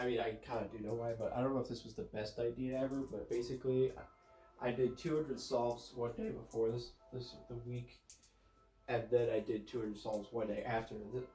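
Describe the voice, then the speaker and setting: A man's voice: medium pitch, fairly even intonation, a little fast, warm tone, soft background music. A man with a congested, stuffed-up nose from a cold, chatting casually and thinking aloud as he rambles through a vlog. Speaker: vlogger with a YouTube channel. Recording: echoey room.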